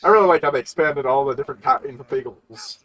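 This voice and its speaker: A man's voice: medium pitch, fast talker, fairly bright tone. Casual man reacting to a cartoon. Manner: rambling, laughs and swears as he reacts. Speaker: reaction streamer.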